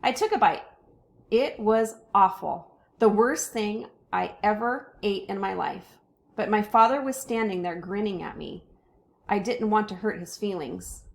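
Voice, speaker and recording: A woman reading a children's chapter book aloud with expressive character voices. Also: mid-range voice, a little slow, gravelly. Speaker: reader.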